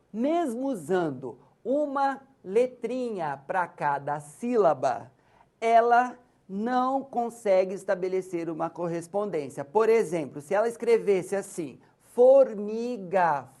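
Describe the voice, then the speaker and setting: A woman's voice: medium pitch, lively intonation, measured pace, dark tone. A woman with a Brazilian Portuguese accent giving a university lecture, patiently walking through examples and checking that listeners follow. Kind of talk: recorded lecture on literacy.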